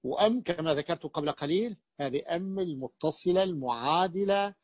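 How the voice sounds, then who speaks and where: A man teaching Arabic grammar as a sheikh, explaining slowly and repeating his points with fillers and restarts. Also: on the high side, animated, no echo, lo-fi sound. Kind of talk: classroom lecture.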